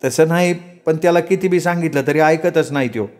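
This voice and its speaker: A man's voice: fairly high pitch, a little fast, darkish tone, pitched above the performer's own voice, close to an everyday voice. A bitter young farmer grumbles in a plain, everyday voice, voiced by a man narrating a story. He sounds weary and resentful, close to the storyteller's own tone.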